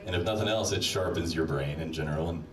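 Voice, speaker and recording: Here a man's rumbling low voice moves at a quick pace as he admonishes the listener directly in a humorous, mock-stern monologue. Crowd noise surrounds the roomy, distant-sounding playback.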